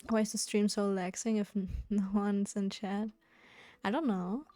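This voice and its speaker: Quiet, relaxed woman streamer over game music. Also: mid-range voice, moderate pace. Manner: quiet, keeping voice down for a sleeping roommate. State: sleepy, yawning. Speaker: live streamer playing a video game. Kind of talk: relaxed casual chat with viewers. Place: indoors at home.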